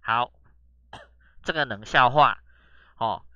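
A man's voice: medium pitch, slow pace, pushed and bright, smooth, no echo, dull audio. A man with a Taiwanese Mandarin accent teaches Japanese in a casual online lesson. He reads short Japanese phrases, explains them step by step, and drops little "oh" and "ha" fillers between phrases. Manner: chatty, drops "oh" and "ha" between nearly every phrase. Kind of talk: casual online lesson reading through a news text.

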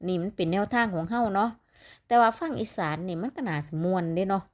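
A woman with an Isan accent from northeastern Thailand tips lottery numbers to her viewers, whom she calls "little siblings." Her voice is medium-pitched and fast, and she sounds sleepy as she chats in a casual, rambling way.

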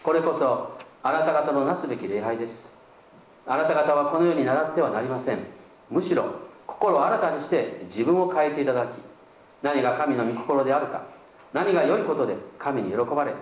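A male worship leader slowly reads a scripture passage aloud and introduces the preacher. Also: on the high side. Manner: slow, measured reading. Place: church sanctuary. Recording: roomy church live stream.

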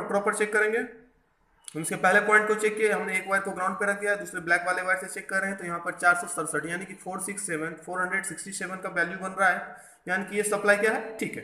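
An Indian instructor walks through a practical repair tutorial at an indoor workbench, explaining each step and dropping in English technical terms. He has a high, sharp voice, and the recording carries room echo and a little background noise.

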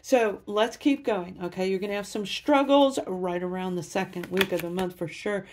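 A woman's voice: medium pitch, normal speed, noisy background. A woman giving a tarot reading to camera, upbeat and speaking straight to her viewers. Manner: enthusiastic, addresses viewers directly. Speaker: tarot reader.

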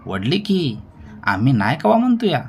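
Man voicing a proud village laborer, sharp and defiant. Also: mid-range voice, wildly swooping pitch, normal speed, slight background noise, pitched above the performer's own voice. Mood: blunt. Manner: bold, sharp, retorting.

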